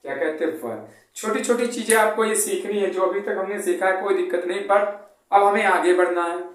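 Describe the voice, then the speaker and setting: A man's voice: high voice, fairly even intonation, fairly quick, far from the mic. Male teacher in echoey room. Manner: repeats questions to the class and answers them himself; spells words out letter by letter. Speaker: English teacher. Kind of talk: classroom lesson.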